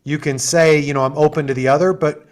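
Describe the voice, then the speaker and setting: He's a fast talker with a voice on the high side and a steady tone. A middle-aged man serving as assistant dean, he hosts an info session on a video call, explaining programs chattily and enthusiastically, full of fillers and asides.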